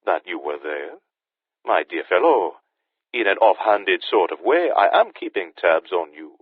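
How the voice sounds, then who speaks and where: A man voicing a suave, menacing male Haitian sorcerer villain with a Caribbean-tinged British accent, speaking smoothly and mockingly over a phone line. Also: deep voice, big pitch swings, a little slow, no echo, full character voice. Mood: smug menace. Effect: phone line filter.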